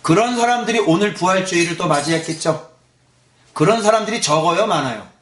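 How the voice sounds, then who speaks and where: A man's voice: high voice, animated, fairly quick, a bit bright, roomy sound, slight background noise. A male pastor giving a Sunday morning sermon in a church, firing rhetorical questions at the congregation. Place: church sanctuary.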